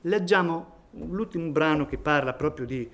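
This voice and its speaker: A man's voice: fairly high pitch, moderate pace, fairly bright tone. A man preaching a sermon in a church, reading scripture and rising to emphatic peaks on key phrases.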